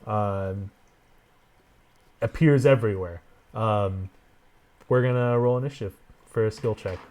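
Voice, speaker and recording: Halting male game master. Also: fairly low pitch, darkish tone. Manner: halting, filler-heavy narration. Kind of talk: narrating a tabletop game.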